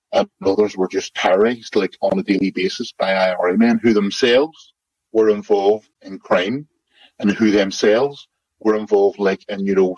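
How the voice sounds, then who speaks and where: Interview guest: man in his fifties, identity-disguised deep voice, low and dry, rambling delivery. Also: slightly rough, no echo. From Northern Ireland, West Belfast. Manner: rambling, hedged with frequent "like, you know". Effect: voice altered to disguise identity, deep and muffled. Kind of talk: remote interview. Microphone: remote secure connection. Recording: lo-fi disguised call audio.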